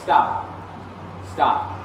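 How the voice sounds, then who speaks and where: A male police officer giving firm, restrained orders in short, repeated commands during a confrontation. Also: extremely slow. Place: public library property. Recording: very echoey, distant, noisy recording.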